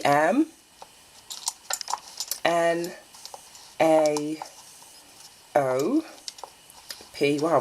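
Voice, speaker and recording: A woman with a low, slightly mellow voice does a solo spiritual card reading, partly reading aloud from a guidebook, chatty and musing as she thinks aloud with small laughs. She sounds stuffy from a lingering cold; the recording is rough with slight background noise.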